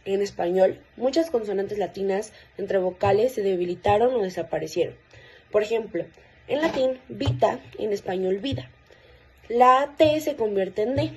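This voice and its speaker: A woman's voice: a little high, dark tone, husky, rough recording. A woman reading a class presentation aloud, carefully listing examples one by one. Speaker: student presenter.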